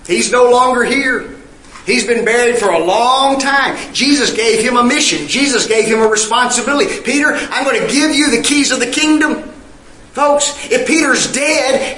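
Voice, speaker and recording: This male preacher has an extremely high, bright voice and a forceful delivery, captured in a reverberant, low-quality recording. His emphatic sermon is packed with rhetorical questions, and he reads scripture in King James wording.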